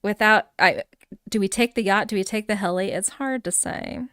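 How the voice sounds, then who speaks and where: A woman's voice: medium pitch, normal speed, a bit bright, dry recording, studio quality. A middle-aged woman hosting a live game stream, chatting casually and laughing as she reads out viewer names. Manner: chatty and giggly, reading out chat names. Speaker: livestream host touring a game island. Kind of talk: casual live gameplay chat.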